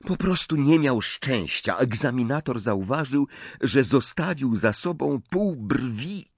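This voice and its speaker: A man voicing an earnest, quick-talking teenage schoolgirl. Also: mid-range voice, expressive, slightly rough, no echo, pitched above the performer's own voice, heavily acted. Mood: eager. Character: clever eager teenage schoolgirl.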